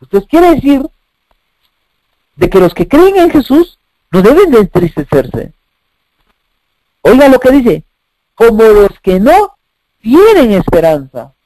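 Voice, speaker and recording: A man's voice: extremely high pitch, huge pitch swings, takes it slowly, pauses often, dark tone, no echo, rough recording. A man preaching a sermon, emphatic, asking rhetorical questions and repeating phrases.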